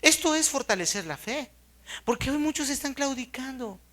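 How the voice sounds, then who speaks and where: Lady preaching, kinda high voice, goes quiet then loud, keeps asking the church stuff. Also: expressive, normal speed. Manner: fervent, swings from hushed to loud; asks the congregation questions. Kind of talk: sermon.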